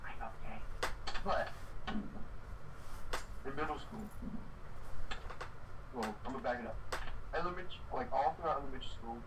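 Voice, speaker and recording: A young man of eighteen chats through a story on a podcast, loose and rambling, checking in with a quick "right?". His voice sits at an ordinary pitch and is picked up from a distance off the mic, with clear background noise underneath. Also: expressive. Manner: rambling, often tags "right?". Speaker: podcast co-host. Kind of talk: casual storytelling chat.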